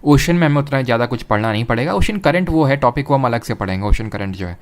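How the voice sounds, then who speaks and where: Young male teacher, mid-pitched voice, patient exam-coaching lecture style. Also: expressive, quick pace. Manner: explanatory, mixes English terms, asks "clear?" often.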